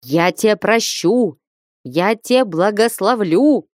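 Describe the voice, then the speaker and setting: A thundering old peasant patriarch from a storybook, hot-tempered but soft underneath, as a woman narrator puts him on. He shouts his words out slowly, with heavy weight, in a dry, close sound. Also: lowish voice, big pitch swings, no echo. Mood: furious shouting.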